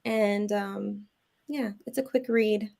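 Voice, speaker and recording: A woman guest on a talk show, giving calm, encouraging and thoughtful answers in a casual interview. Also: medium pitch, slow, vocal fry.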